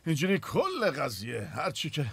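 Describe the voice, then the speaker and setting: A man dubbing a lawman in a drama, speaking in a steady, commanding way. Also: fairly high pitch, gravelly, breathy edge, full character voice. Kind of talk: Persian dub acting.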